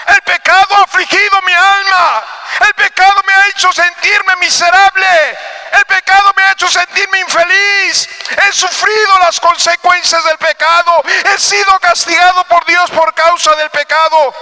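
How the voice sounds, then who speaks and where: A man's voice: extremely high pitch, pushed and bright, pitched above the performer's own voice, heavily acted. A man voicing an anguished church member. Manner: anguished, pleading to the pastor. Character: frightened repentant church member, adult.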